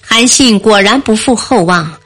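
Slow woman storyteller. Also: medium pitch, expressive, fairly bright tone, faint music behind. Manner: slow and deliberate. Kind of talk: scripted narration of a classical history story.

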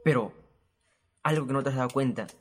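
Brisk and husky at medium pitch, this young Peruvian-accented storyteller host recounts something from his own life in a casual way. He uses crude slang, stays animated and slips into other people's voices.

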